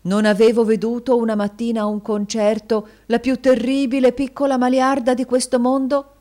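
A woman reading a storybook voices a florid, flattering middle-aged husband who gushes theatrical endearments. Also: a little high, moderate pace, pitched above the performer's own voice, lightly acted. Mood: gushing.

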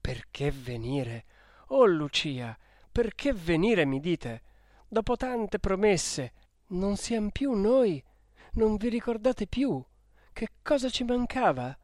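A man's voice: fairly high pitch, sing-song, takes it slowly, no echo, studio quality. A man reading an audiobook who voices a passionate, desperate young man pressing his beloved with questions. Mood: passionate reproach. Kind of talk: audiobook character voice.

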